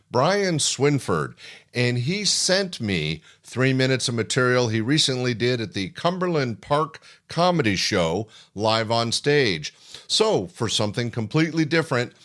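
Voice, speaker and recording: Male podcast host, mid-pitched. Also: sing-song, moderate pace, fairly bright tone. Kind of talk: scripted show introduction and sign-off.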